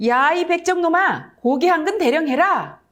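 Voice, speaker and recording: A woman voicing a rude, arrogant male nobleman who shouts and scolds in a spoken story. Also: very high voice, expressive, normal speed, voice pushed up. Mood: angry scolding.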